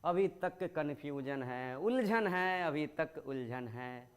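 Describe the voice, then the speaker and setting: A man with a high-pitched voice teaches a grammar class to school students. He explains step by step, poses questions and answers them himself. He stretches words out to show how long each vowel sound is. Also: lively intonation, slow, clean tone. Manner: explains patiently, asks and answers his own questions.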